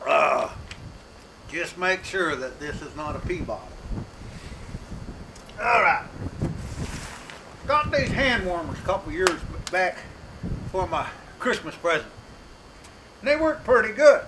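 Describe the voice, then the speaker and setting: Middle-aged man, high-pitched rural drawl, deadpan comic monologue, outdoor mic with wind noise. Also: takes it slowly, long pauses. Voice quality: slightly hoarse. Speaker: comedic hunting show host.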